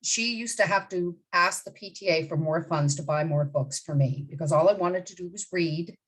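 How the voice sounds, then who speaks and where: A fairly low-voiced woman in her fifties, originally from the Bahamas, speaking as a literary agent in an interview. She talks bluntly and with emphasis, and often breaks off to restart a sentence. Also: normal speed, low-quality recording. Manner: direct and emphatic, with many asides and restarts. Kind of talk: interview answers.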